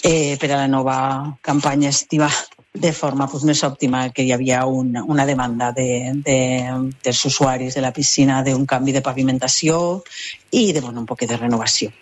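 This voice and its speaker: A woman's voice: extremely low pitch, fairly even intonation, normal speed, a little hiss or hum. A woman mayor speaking with a Valencian accent in an interview clip, hesitant, with restarts and fillers. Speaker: town mayor.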